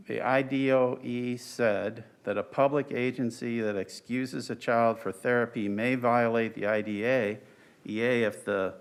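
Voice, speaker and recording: An older man, an attorney, giving a halting, deliberate oral argument in court. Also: mid-range voice, smooth. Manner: halting, deliberate, with stretched pauses. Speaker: attorney arguing on appeal. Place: large courtroom. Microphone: lectern microphone, speaking through a face mask.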